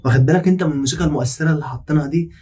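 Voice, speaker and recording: A man's voice: on the high side, very fast, mellow, husky, soft background music. A man with an Egyptian accent giving teasing, sarcastic commentary on a short comedy film. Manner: mocking, teasing. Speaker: reaction video host.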